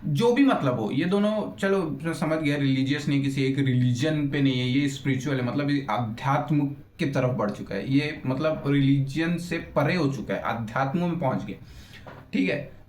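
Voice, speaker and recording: A man's voice: medium pitch, animated, normal speed, darkish tone, a little hiss or hum. A young man and YouTuber ranting in an unscripted roast, blunt and crude, swearing freely and losing his thread as he rambles. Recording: echoey room.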